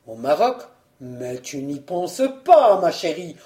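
A woman reading a storybook voices a timid, evasive baron, lowering her voice and speaking hesitantly. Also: expressive, unhurried, warm tone, echoey room, lightly acted. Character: timid, evasive middle-aged baron collector.

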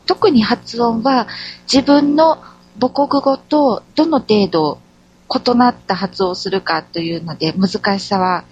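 A woman guest in a conversational interview, answering in a measured, careful way. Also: a little high, a little mellow, breathy edge, lo-fi sound.

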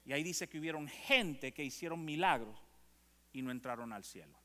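A man, a pastor, preaching a sermon. He talks conversationally and checks in with the congregation, then gets loud and animated when he quotes scripture. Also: on the high side, normal speed. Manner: conversational, asks the congregation if they are with him. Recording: long hall reverb.

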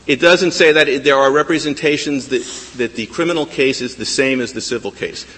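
A man arguing a case before a high court, insistent and argumentative, often stumbling and repeating words. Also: brisk, fairly bright tone. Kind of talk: appellate oral argument. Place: large courtroom. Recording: courtroom with long reverb.

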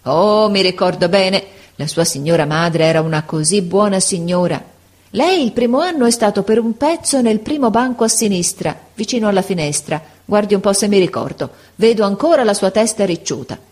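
A woman voicing a frail, gentle old male schoolteacher in an audiobook, speaking slowly and tenderly. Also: mid-range voice, animated, lightly acted. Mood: warm, nostalgic. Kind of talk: audiobook character voice.

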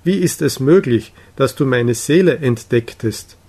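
A weary, despairing young man pouring out his troubles, as a man reads him aloud. His delivery is earnest and pleading, and he speaks slowly. The audiobook reading keeps a middle pitch. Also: animated, a little mellow, slightly rough.

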